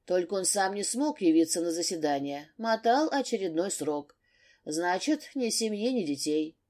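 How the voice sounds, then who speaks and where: A woman narrating an audiobook in an expressive reading style. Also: lowish voice. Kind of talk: scripted narration.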